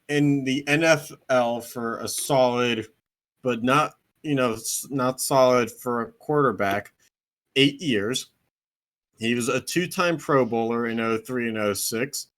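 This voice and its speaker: A man's voice: mid-range voice, measured pace, a bit bright. A young man co-hosting a casual sports podcast, reading player stats and making dry joking asides. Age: young adult. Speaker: podcast co-host.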